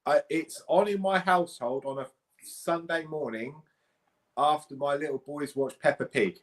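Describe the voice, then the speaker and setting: A man's voice: on the high side, normal speed. A man talking casually as a guest on a sports show. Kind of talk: casual chat.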